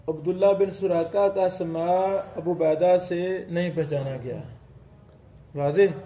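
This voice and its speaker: A man teaching a religious studies class, explaining slowly, reciting Arabic passages and checking whether his students follow. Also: fairly high pitch, warm tone. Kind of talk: classroom lecture.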